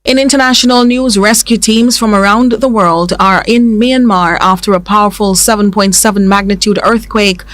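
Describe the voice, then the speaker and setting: Woman, news anchor, measured formal reading, mid-pitched voice. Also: steady tone, a bit bright, dry recording.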